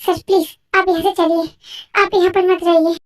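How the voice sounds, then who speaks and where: A woman's voice: extremely high pitch, level tone, moderate pace. A woman voicing a frightened young male student who pleads and apologizes. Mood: alarmed. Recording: faint music behind.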